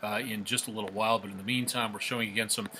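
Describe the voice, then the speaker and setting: A male TV meteorologist doing a live weather forecast, ad-libbing loosely and repeating himself, his voice coming through a faulty mic on a low-quality stream. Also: fairly even intonation, racing, pushed and bright, slight background noise. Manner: loose, repetitive, filler-heavy ad-libbing. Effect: low-quality stream audio from a faulty microphone.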